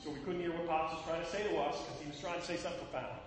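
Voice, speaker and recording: A man's voice: on the high side, rapid-fire, a crowd in the background. A man preaching a sermon, calling out to his listeners and breaking into short sung lines. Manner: preaching with sung snatches and call-outs to listeners. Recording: echoey hall from far off.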